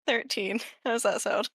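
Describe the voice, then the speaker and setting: Woman player in a tabletop game: relaxed slow pace, casual and sweary, dry close recording. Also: fairly high pitch, breathy edge, no room sound. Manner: informal, sweary. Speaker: tabletop role-play player. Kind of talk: casual, giggly game chat.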